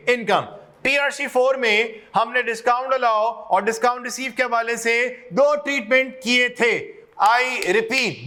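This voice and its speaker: A male accounting lecturer teaches a class in an extremely high, sharp voice, quizzing students throughout. He slips English terms into his explanations and likes to joke and tease.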